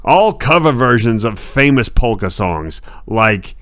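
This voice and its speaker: A man co-hosting a comedy stream, telling rambling absurd stories in a deadpan way. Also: medium pitch, unhurried, dry recording. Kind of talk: improvised comedy banter.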